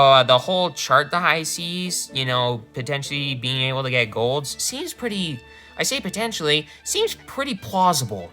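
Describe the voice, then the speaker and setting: A man reviewing cards casually, animated and quick to laugh, often correcting himself as he goes. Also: fairly high pitch. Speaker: card game reviewer.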